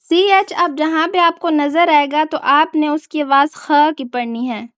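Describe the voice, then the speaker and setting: A woman's voice: sits high, takes it slowly, a bit bright, dry recording, lo-fi sound. A woman teaching a German language class, explaining pronunciation patiently and checking in often with her students. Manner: patient, repeats "ठीक है?" to check understanding. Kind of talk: online language lesson.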